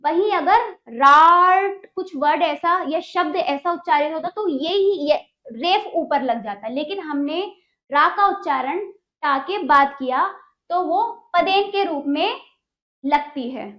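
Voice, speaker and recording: A woman's voice: sits high, takes it slowly, muffled recording. A woman teacher giving a spelling lesson to young children, explaining patiently step by step with repeated examples.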